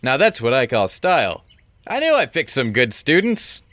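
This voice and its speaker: A man's voice: mid-range voice, big pitch swings, moderate pace, fairly bright tone, no room sound. A man voicing a jovial, theatrical middle-aged male professor of magic.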